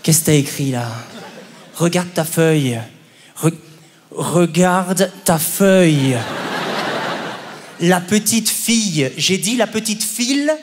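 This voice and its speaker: A man's voice: a little high, sing-song, background noise, voice pushed down. A man playing a stern, exasperated mother. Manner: slow, stern, over-articulated dictation. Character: strict exasperated mother dictating to her son. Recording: stage mic in a reverberant hall with audience.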